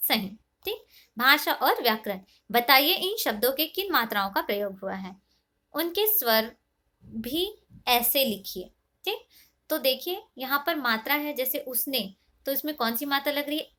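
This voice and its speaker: Bright high-voiced woman teaching young kids. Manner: patient, asks and answers her own questions; mixes English words into her speech. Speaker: primary school teacher. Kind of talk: online class lesson.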